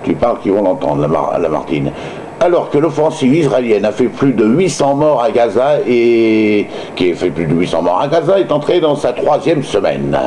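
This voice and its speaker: A Frenchman hosts a homemade-sounding news broadcast in a lowish, very soft-edged, dark voice. He stumbles through his reading and slips in sardonic, mocking remarks of his own. A light layer of noise sits behind him. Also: very animated, normal speed. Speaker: amateur radio host.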